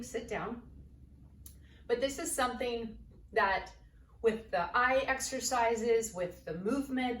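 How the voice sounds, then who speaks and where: Woman yoga teacher, breathless, bouncing as she talks, coaxing and upbeat, roomy sound, heard from across the room. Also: a little high. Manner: energetic, coaxing, repeats instructions. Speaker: yoga instructor. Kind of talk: guided exercise lesson. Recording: roomy, distant camera mic, faint ambience.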